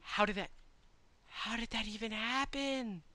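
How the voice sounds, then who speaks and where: A man's voice: sits high, a little slow, sharp tone, dry recording. A man chatting casually to his stream audience while playing a game, rambling and swearing freely. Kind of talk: live gaming stream chat.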